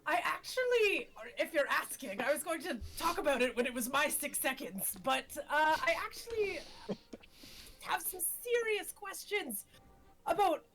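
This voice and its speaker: A woman's voice: sits high, lively intonation, measured pace, a bit bright, faint music behind. A woman playing a tabletop game, firing off long rambling questions and cutting herself off. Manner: rambling rush of questions, self-interrupting. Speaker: player. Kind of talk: in-character tabletop talk.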